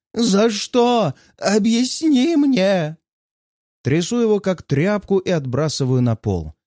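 A man narrating a first-person audiobook with ironic, lively storytelling. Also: on the high side, dry recording, studio quality.

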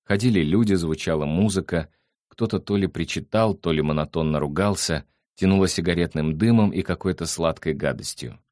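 A man narrating a novel in a measured, even storytelling manner. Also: deep voice, no room sound, clean studio sound. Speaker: audiobook narrator. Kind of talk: scripted narration.

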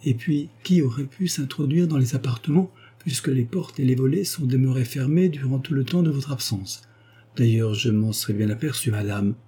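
A man's voice: mid-range voice, moderate pace, dark tone, breathy edge, pitched above the performer's own voice, natural voice. A man reading aloud, voicing a loyal, plain-spoken old gardener who answers earnestly. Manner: earnest, reassuring.

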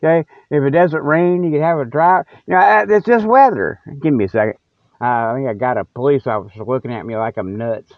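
His voice is medium in pitch and a little fast as this man hosts a humorous mock news show, rambling casually in a folksy, colloquial, jokey way. The recording is dry and phone-narrow, with no echo.

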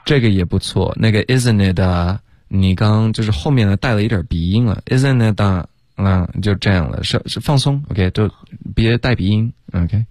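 A man coaching English pronunciation on a radio lesson, patiently correcting sounds and demonstrating them slowly. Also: on the low side, a little mellow, dry recording, studio quality. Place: radio studio.

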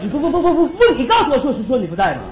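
A man's voice: very high-pitched, big pitch swings, a faint crowd. A man playing a cocky, teasing rich farmer businessman in a stage comedy sketch. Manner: teasing, quick banter. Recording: echoey stage, slightly dull sound.

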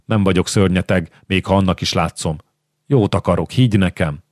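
A man voicing a sinister, mock-courteous blind prince in an audiobook, low and sly. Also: a little mellow, no echo, studio quality. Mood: coaxing. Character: sinister blind male prince, smooth and menacing. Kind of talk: audiobook character reading.

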